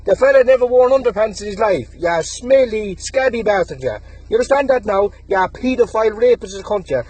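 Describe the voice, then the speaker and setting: A man's voice: sits high, lively intonation, fairly quick, a little mellow, slightly rough, rough recording. A young Irish man in his twenties, delivering an aggressive, taunting callout rant and threatening a rival. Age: 20s. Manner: aggressive, taunting, threatening, repeats the target's name again and again. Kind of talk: angry callout rant to camera.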